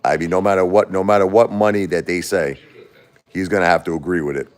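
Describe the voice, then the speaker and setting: A deep-voiced New York man from Brooklyn chats casually on a livestream at home, answering viewers. He speaks quickly with fairly even intonation, is blunt, repeats himself and spars with critics.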